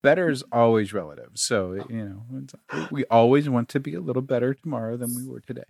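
A man's voice: medium pitch, fairly quick, vocal fry, a little mellow, dry recording, clean studio sound. A man co-hosting a podcast, talking casually with many fillers and restarts as he reads out show business. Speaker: podcast co-host.

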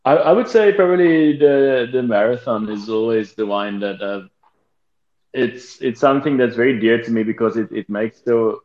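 A man speaks in a halting way, restarting his sentences as he goes. He comes through a bad connection on a remote call. The line sounds dull and muffled, and the room echoes around him. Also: medium pitch, a little mellow. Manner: hesitant, many restarts. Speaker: winemaker guest. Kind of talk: casual remote interview.

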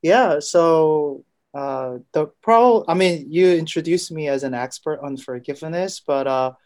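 A middle-aged man from Korea with a Korean accent, a guest in an interview, talking hesitantly with many filler pauses. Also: on the high side, a little mellow. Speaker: guest, forgiveness researcher and professor. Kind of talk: interview conversation.

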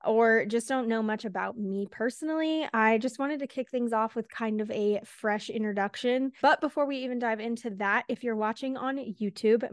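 A woman hosting a casual solo podcast, chatty and quick, a little out of breath, laughing between words. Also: fairly high pitch, no echo, clean studio sound. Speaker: podcast host.

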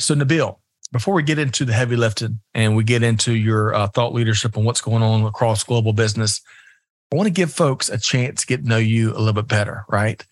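Chatty upbeat guy hosting a podcast, mid pitch, dry close mic. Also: dry recording. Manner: upbeat, chatty host banter. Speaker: podcast host. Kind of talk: casual interview chat.

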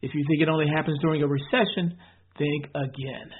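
A man's voice: on the high side, steady tone, a little fast, slightly rough. A man hosting a podcast, reading a scripted introduction to an archived episode. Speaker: podcast host. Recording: tinny, band-limited sound.

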